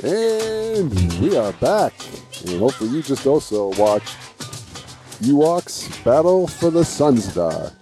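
A man hosting a podcast in casual chat, speaking a little haltingly. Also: medium pitch, very animated, dark tone, soft background music. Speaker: podcast host.

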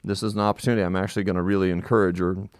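A man with a low, smooth voice explains things in an informal live-podcast way. He talks through a face mask, so he sounds slightly muffled, and the room adds very little echo. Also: little pitch movement, rapid-fire, studio quality. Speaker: school administrator co-hosting a community update.

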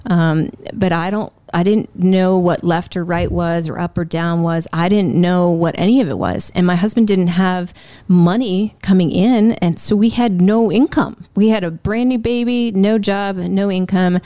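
Smooth-voiced woman telling her story. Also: moderate pace, dry recording. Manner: lively, acts out her own past thoughts in a higher voice; frequent "um" and "like", self-interrupting. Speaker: interview guest. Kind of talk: candid personal storytelling.

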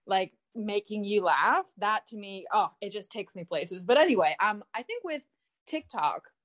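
A woman's voice: mid-range voice, normal speed, highs cut off. Chatty young woman, bubbly and rambling. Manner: chatty and animated, with many fillers and self-repeats. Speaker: guest, online comedian. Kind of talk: casual interview chat.

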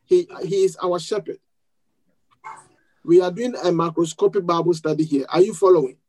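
Guy preaching a sermon, goes loud and emphatic on the scripture bits. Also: sits high, normal speed, rough recording. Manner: builds to raised emphatic bursts when quoting scripture. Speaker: pastor.

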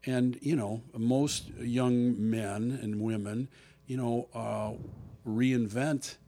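An older man, a golf business founder, telling a story in casual podcast chat, halting and full of fillers. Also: medium pitch, fairly even intonation, dark tone.

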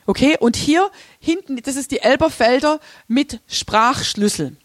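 A woman leads a church workshop in a loose, chatty way, laughing as she explains her slides. Her voice sits a little high. The sound is dry and close, with no room echo. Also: unhurried. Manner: chatty, informal, laughs often, many restarts. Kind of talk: casual teaching talk with slides.

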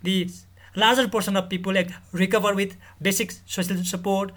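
A man from Nepal, a guest in a podcast interview who explains his work in an earnest, measured way. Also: high voice, little pitch movement, fairly bright tone. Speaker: guest, mental health director.

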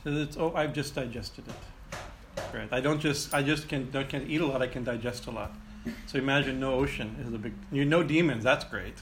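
A man teaching and telling ancient myths informally, in a halting way that circles back over phrases and often checks in with "right?". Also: mid-range voice. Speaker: teacher and storyteller. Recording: clearly noisy ambient background.

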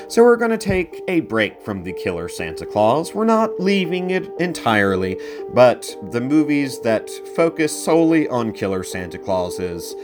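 A man hosting a casual film review podcast, talking conversationally and leaning into his recommendations with emphasis. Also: mid-range voice. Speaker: podcast host.

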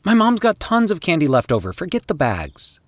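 A man's voice: on the high side, huge pitch swings, fairly quick, no echo, pitched above the performer's own voice. A man voicing an anxious young boy who pleads with breathless urgency. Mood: worried. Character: anxious young boy, cautious and easily frightened.

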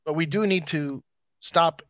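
A man's voice: fairly high pitch, a little slow, a bit bright, dry recording, muffled recording. A man in casual podcast conversation, speaking bluntly and swearing freely. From Cuban background. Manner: blunt, profane.

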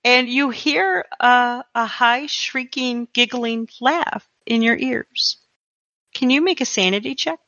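A woman running a tabletop horror game as game master, animated and quick to laugh. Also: on the high side, no room sound, highs cut off.

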